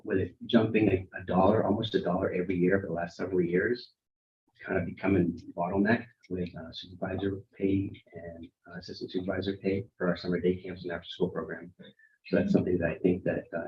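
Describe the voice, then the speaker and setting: A man with a low voice walks a council workshop through his department's budget. He speaks haltingly, full of ums and restarts. The sound is muffled and echoes around a meeting room. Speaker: town recreation director.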